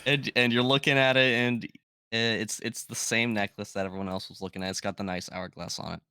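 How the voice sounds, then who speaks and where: A man's voice: lowish voice, fairly even intonation, brisk, pushed and bright, clear, resonant tone, dry recording, studio quality. A man narrating a tabletop role-playing game casually as game master.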